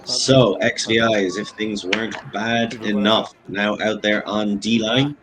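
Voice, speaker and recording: A man's voice: lowish voice, steady tone, unhurried, crowd noise, rough recording. A man giving live play-by-play commentary, chatty and analytical, with self-deprecating asides. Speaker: sports commentator.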